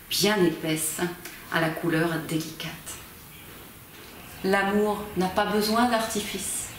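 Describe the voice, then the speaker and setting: Reading a novel theatrically in a lowish voice, a woman in her fifties who volunteers as an amateur reader shapes her phrasing in a measured, expressive way. The recording comes from a camera set at a distance in a small library corner indoors, where the room is very echoey and faint background noise can be heard.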